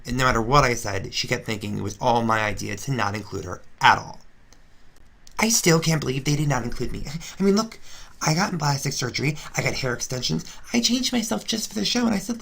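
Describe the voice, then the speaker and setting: A woman's voice: very deep voice, vocal fry, a bit bright, exaggerated voice. A woman voicing a brash, gossipy female Flareon reality star, ranting sarcastically in a confessional-style fan drama. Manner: indignant, sarcastic ranting with restarts.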